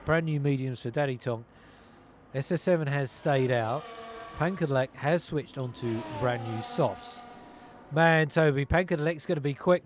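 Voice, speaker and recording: A man calling an online sim racing league race, narrating positions, tyres and penalties in steady play-by-play over a headset. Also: on the high side, a little hiss or hum. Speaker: lead commentator.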